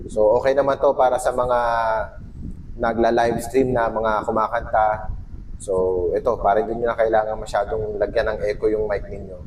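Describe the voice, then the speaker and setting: A man's voice: fairly low pitch, moderate pace, slight background noise. Man on a mic with digital echo. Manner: relaxed and explanatory, sound-checking. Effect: digital reverb echo from the mic's built-in effect. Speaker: tech vlogger reviewing a wireless mic. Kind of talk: casual product test. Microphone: clip-on wireless microphone.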